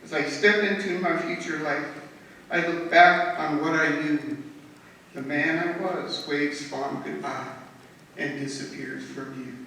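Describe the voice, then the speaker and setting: Slow, bright-voiced woman reciting poems in a hall. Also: low voice, creaky. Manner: measured, rhythmic recitation of rhymed verse. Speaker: talent show performer. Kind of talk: poetry reading. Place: talent show stage in a hall. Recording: echoey hall recorded from far off, faint noise.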